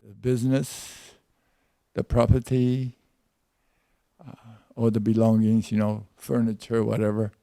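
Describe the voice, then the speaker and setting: Slow, gravelly older man from Peru. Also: on the low side, level tone, mellow, no echo. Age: 80s. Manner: slow, deliberate recollection with repeated words. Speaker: interviewee. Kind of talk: oral history interview.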